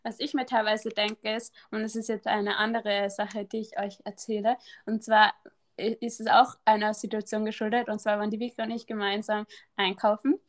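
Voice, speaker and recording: A woman's voice: medium pitch, little pitch movement, moderate pace. A young woman with an Austrian accent chatting casually as a podcast co-host, telling an anecdote in a rambling way with many restarts. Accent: Austrian German. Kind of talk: casual chat.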